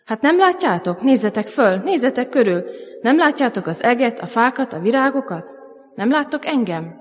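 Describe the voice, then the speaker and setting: A woman's voice: mid-range voice, expressive, natural voice. A woman voicing an earnest young girl queen who urgently pleads, in a storybook reading. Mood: pleading. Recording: long church reverb.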